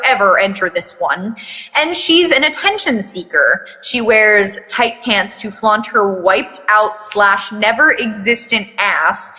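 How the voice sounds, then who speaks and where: In an echoey, reverberant room, a woman with a bright, forceful, rather high voice gives a mock-dramatic reading of fan fiction. She keeps breaking the theatrical reading for blunt, sweary, casual commentary.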